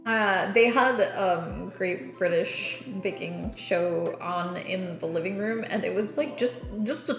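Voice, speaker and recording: A woman's voice: fairly low pitch, slow, few pauses, a bit bright. A chatty woman talks while baking on a live stream, laughing often and poking fun at herself. Her voice bounces around an echoey kitchen, with faint music playing behind her. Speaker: streamer host. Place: home kitchen.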